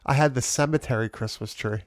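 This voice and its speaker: A man's voice: medium pitch, a little fast, no room sound, clean studio sound. A man with a nasal voice stuffed up by a cold, hosting a casual, slangy movie podcast. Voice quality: nasal, congested. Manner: informal, slangy, sweary. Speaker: podcast host.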